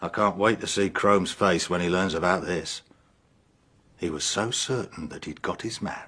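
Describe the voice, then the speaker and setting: An actor playing a brisk, authoritative British chief inspector in a radio drama. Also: male voice, low-pitched, a bit bright, breathy edge. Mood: gloating. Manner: authoritative, blunt. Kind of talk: BBC radio drama acting.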